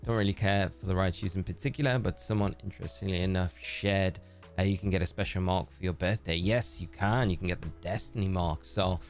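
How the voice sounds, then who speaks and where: A streamer shiny hunting reads his live chat casually, greeting viewers by name and calling them mate. His voice is low-pitched and a little fast, with soft music in the background.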